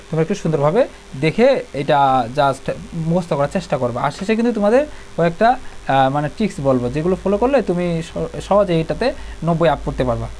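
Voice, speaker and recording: A man's voice: high-pitched, a little mellow, slight background noise. A young man teaching an exam-prep video lesson, explaining step by step, repeating himself and talking to students informally. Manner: addresses students informally, colloquial.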